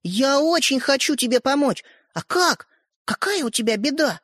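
A man's voice: extremely high pitch, lively intonation, normal speed, a bit bright, no echo, clean studio sound, voice pushed up. A man voicing an eager young schoolboy. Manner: eager, anxious to please.

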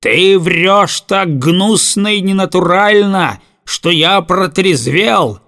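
A man voicing a gruff drunken coal carter. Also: a little high, sing-song, slow, heavily acted. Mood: blustering.

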